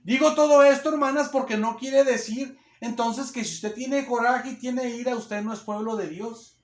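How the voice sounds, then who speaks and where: A man's voice: very high-pitched, normal speed. A man preaching a sermon, emphatic and repetitive, often checking in with his listeners, recorded on a phone in a church hall. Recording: echoey room on a phone.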